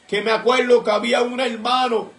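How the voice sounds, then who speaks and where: A man's voice: very high-pitched, little pitch movement, brisk, a bit bright, reverberant. A man giving an earnest religious testimony, telling his story with repeated recollections and bursts of praise. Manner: fervent, breaks into praise mid-story. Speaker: church member giving testimony.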